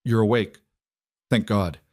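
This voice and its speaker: A man playing a rough, gruff frontier farmer in a storybook narration, speaking earnestly. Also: on the low side, unhurried, a little mellow, dry recording, clean studio sound, close to an everyday voice. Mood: gentle.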